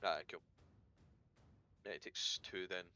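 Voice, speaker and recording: A man's voice: deep voice, fairly even intonation, unhurried, pushed and bright, no room sound, faint music behind. A man running a tabletop game, thinking aloud and swearing casually. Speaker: game master.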